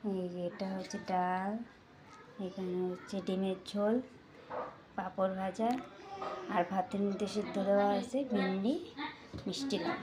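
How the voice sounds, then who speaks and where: A woman's voice: medium pitch, fairly even intonation, normal speed, long pauses, background noise. A woman chatting casually through her daily chores for a home vlog, recorded in her kitchen. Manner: chatty, talks while doing chores. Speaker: vlogger.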